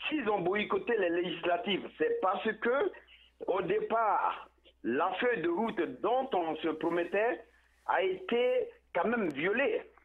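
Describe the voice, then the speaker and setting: Male phone-in caller heard over a thin, crackly phone line, higher-pitched, halting delivery with repeated words. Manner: halting, repeats words while searching for them. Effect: tinny phone line with poor connection. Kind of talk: political call-in commentary. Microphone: telephone.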